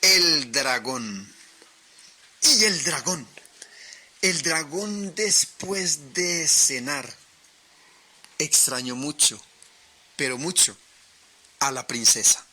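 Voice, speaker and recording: A man from Colombia telling short tales on the radio with expressive, dramatic pauses. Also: on the high side, slightly rough. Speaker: storyteller. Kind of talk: oral storytelling on radio.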